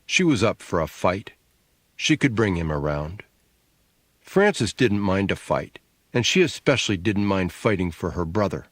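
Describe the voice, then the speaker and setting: A man reading an audiobook in a measured, expressive storytelling manner, close to the mic. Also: low-pitched, no room sound. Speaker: audiobook narrator. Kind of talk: scripted narration.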